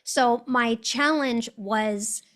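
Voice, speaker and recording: A woman's voice: a little high, extremely slow, fairly bright tone. A woman with an American accent, a guest telling her story in an interview, articulate and reflective.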